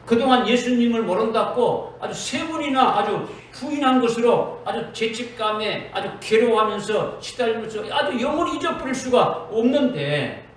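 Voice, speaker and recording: A man's voice: very high-pitched, animated, normal speed, hardly any pauses. A man preaching a sermon in a church, emphatic and repetitive, often quoting Jesus in direct speech. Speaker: pastor. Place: church sanctuary. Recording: echoey church hall from far off, faint noise.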